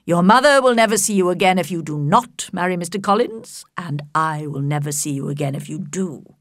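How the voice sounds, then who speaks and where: Lady doing a dry unbothered dad, slow and deadpan, pretty lively pitch still, dry close sound. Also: no echo, lightly acted. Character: calm dry older father, unbothered and wry. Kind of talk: audiobook character voice.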